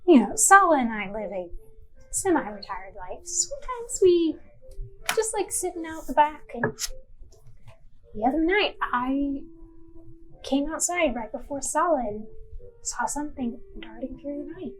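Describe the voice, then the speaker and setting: A woman playing a semi-retired old man who spins his tales in a rambling, confiding way, his voice pitched a little high. He talks like a villager whose storytelling is part of a tabletop game. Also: sing-song, measured pace, long pauses, a bit bright, full character voice, low-quality recording. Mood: uneasy, confiding.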